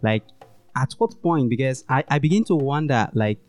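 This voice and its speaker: A man's voice: mid-range voice, expressive, normal speed, darkish tone. A man from Africa hosting a podcast, asking long, rambling questions in a casual way. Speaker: podcast host. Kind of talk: casual interview.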